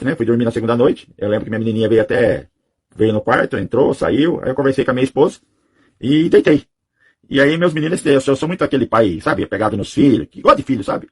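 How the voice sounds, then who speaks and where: A man's voice: medium pitch, husky. A man in his thirties giving a personal testimony, telling it in a rambling way and tagging his sentences with "you know?" asides. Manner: rambling, tags sentences with "sabe?" and "né?". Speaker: testimony giver.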